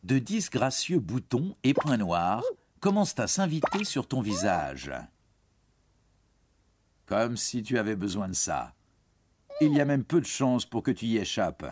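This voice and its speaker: A man delivers scripted educational narration for young teens a little slowly, his medium-pitched voice showing big pitch swings, with music in the background and a slight hiss or hum. He speaks straight to the listener, explaining things in a friendly, reassuring way.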